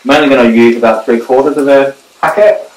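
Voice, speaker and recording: A fast-talking middle-aged cooking host with a steady, medium-pitched voice shares tips chattily while working at the stove at home. The background is noisy, and the echoey kitchen is full of clattering cutlery and pans.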